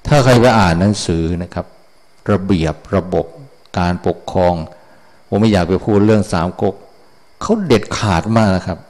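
A Buddhist monk giving a casual dharma talk, blunt and folksy, often drifting off the point. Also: male voice, sits low, moderate pace, darkish tone.

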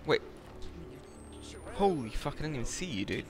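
A man's voice: on the high side, big pitch swings, moderate pace. A young man streaming a horror game, giving scared, jumpy live reactions full of swearing. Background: game music.

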